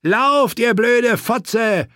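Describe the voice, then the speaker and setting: A man's voice: sits high, lively intonation, moderate pace, dry recording, studio quality, pitched above the performer's own voice. A man voicing a sneering, crude and arrogant male knight in an audiobook, taunting and contemptuous. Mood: shouting.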